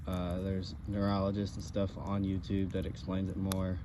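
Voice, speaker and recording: A man in a casual, halting conversational chat, speaking as a co-host. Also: deep voice, monotone. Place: outdoors by a campfire. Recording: outdoor ambient background noise.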